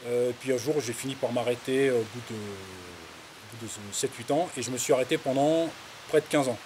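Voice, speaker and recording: A farmer in his fifties from the suburbs of Paris recounts anecdotes from his life in a casual interview. His mid-range voice is expressive and moves at a normal speed, but his telling is hesitant, rambling and colloquial. A clear hiss runs in the background.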